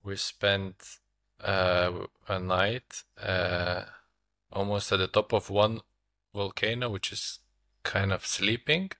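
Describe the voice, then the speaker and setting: A man hosting an interview, asking questions in a halting way with many repeated words. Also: low-pitched, level tone, sharp tone, no echo. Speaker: podcast host. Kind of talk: casual interview.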